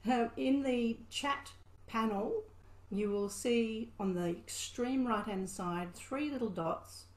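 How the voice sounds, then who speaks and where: A woman's voice: a little high, slow, darkish tone. Woman mentor, encouraging and instructive, echoey room over a video call. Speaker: Toastmasters mentor and trainer. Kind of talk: online meeting facilitation.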